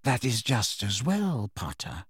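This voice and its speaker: A man voicing a cold, sneering middle-aged male potions master who talks in a slow, low, menacing drawl. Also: very animated, no echo, studio quality, full character voice. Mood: sneering menace.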